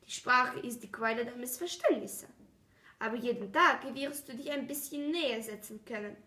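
A woman voicing a gentle, curious male fox in a storybook reading, earnest and coaxing, recorded with a roomy echo. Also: on the high side, moderate pace.

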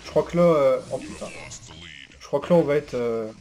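High-voiced sweary man gaming. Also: fairly quick, dark tone, faint music behind. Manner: joking, sweary. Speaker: gaming YouTuber. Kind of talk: casual gameplay commentary.

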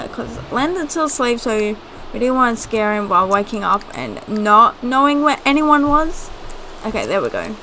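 A woman hosting a gameplay video, chatting casually and excitably with frequent giggles. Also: on the high side, background noise. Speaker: gaming video host. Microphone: desktop USB mic.

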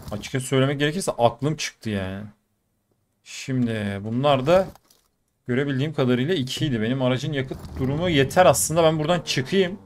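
A man giving casual running commentary over mobile shooter gameplay, talking to his viewers with sudden bursts of excitement. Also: mid-range voice, slight background noise. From Turkey. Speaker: gaming YouTuber.

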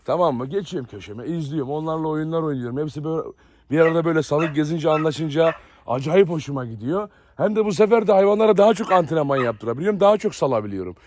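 Strolling through his kennels and outdoor dog yard, a Turkish dog breeder vlogger chats casually to camera, frequently turning to his viewers. His voice is a little high and expressive, quick-paced, with a darkish tone.

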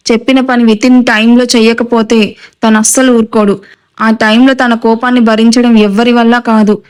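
Woman storyteller, steady scripted novel narration; smooth, slightly high voice, level delivery. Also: poor audio. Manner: steady, even reading.

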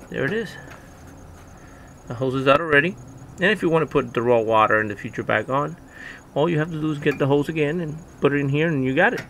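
Outdoors on his boat, a DIY video host walks through a how-to step by step, talking plainly and casually with fillers. His voice is a little high and a bit bright, with slight background noise.

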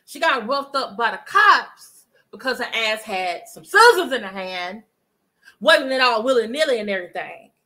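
A woman's voice: on the high side, very animated, moderate pace, bright, forceful tone, poor audio. A middle-aged woman hosting a casual live commentary stream from her living room, talking emphatically and greeting chat viewers. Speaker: livestream commentary host. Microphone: webcam at desk distance.

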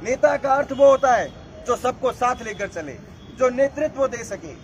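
A man in his twenties giving a booming political rally speech as a student candidate, emphatic and exhorting. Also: expressive, normal speed. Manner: emphatic, exhorting, addressing a crowd. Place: outdoors in a campus yard before a standing crowd. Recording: noisy outdoor crowd gathering.

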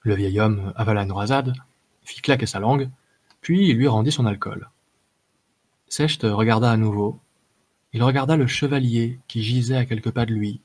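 A man narrating a fantasy short story as an audiobook reader, measured, with the odd hesitation. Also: medium pitch, a little mellow. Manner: measured reading with occasional filler hesitations.

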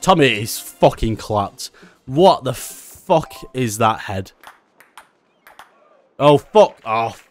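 A young man giving casual gameplay commentary, excitable and swearing often, with frustrated outbursts. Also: mid-range voice. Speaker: gaming YouTuber.

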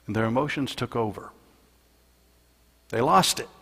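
A man's voice: moderate pace, breathy edge. Preaching man in a reverberant church. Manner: storytelling preacher, swells louder and higher in dramatic passages. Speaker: pastor. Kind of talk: sermon. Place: church sanctuary. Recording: long hall reverb in church.

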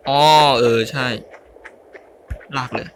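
A young gaming YouTuber does casual let's-play commentary, muttering and grunting as he plays and exclaiming whenever he slips up. He talks slowly in a slightly bright voice, with a little background noise.

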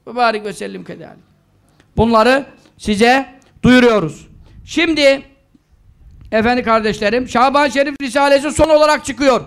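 A man's voice: normal speed, long pauses, fairly bright tone, clean tone. A man preaching in a mosque at a pulpit microphone, earnestly urging his listeners and reciting prayers. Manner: earnest, exhorting, rising high when stressing points. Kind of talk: mosque talk with announcements and prayers.

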